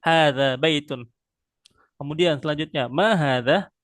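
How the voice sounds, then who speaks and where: Slow, patient drilling marks this online one-on-one Arabic lesson, led by a man whose somewhat high voice has a bit of brightness. Pious interjections come up often, and the sound is dry and close, with no room sound.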